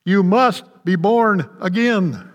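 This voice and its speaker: Older pastor in a reverberant church. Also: male voice, sits high, lo-fi sound. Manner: folksy, conversational preaching with quick asides to the congregation. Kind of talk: sermon. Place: church sanctuary. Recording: long reverb of a church hall.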